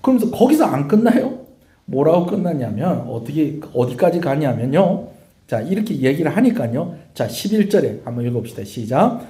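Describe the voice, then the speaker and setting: A male pastor preaches with a lively, swooping pitch that rises and falls. His tone is mellow and dark, and he tells the story with animation while questioning the congregation. The voice echoes through a church sanctuary. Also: a little fast. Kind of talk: sermon.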